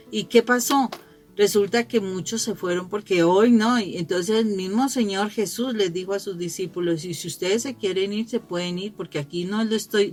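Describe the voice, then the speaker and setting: A middle-aged woman gives a conversational gospel reflection for families. She tells personal stories, laughs often and restarts her phrases as she goes. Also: fairly low pitch. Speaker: lay speaker giving a family gospel reflection.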